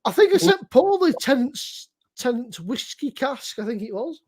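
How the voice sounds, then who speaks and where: A man's voice: very high-pitched, very animated, moderate pace, a little mellow. A man, a regular on a beer review channel, who stumbles into his points and then swears bluntly. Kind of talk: casual chat.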